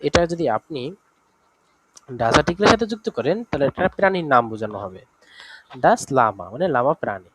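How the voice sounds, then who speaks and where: A man teaching an online language lesson, running through word examples slowly with fillers and check-ins. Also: medium pitch, big pitch swings, a bit bright, slight background noise.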